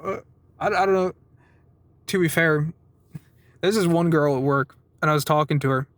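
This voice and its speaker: A man in his twenties gives a weekly vlog update, rambling casually through informal stories with some swearing and acting out what people said. His voice sits on the high side with a fairly bright tone and moderate pace, and the recording is dry.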